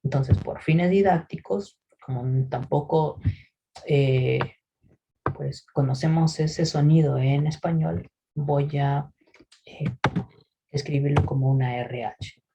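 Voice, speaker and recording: A man teaching English pronunciation in a recorded lesson, patiently explaining and often checking in with a quick "¿sí?". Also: a little high, gravelly, lo-fi sound, noisy background. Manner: models English words slowly for repetition.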